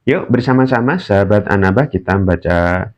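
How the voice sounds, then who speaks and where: A man teaching Quran reading in an online lesson, patient, adding a filler "ya" after nearly every phrase. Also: animated. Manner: slow, patient, many filler "ya"s, chants examples in a higher voice. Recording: dull lo-fi recording.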